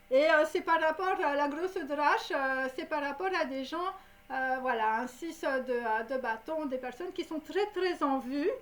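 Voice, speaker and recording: Woman, high voice, rambling tarot reading, lots of fillers and "hein". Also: a bit bright. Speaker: tarot card reader. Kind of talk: casual tarot reading to camera.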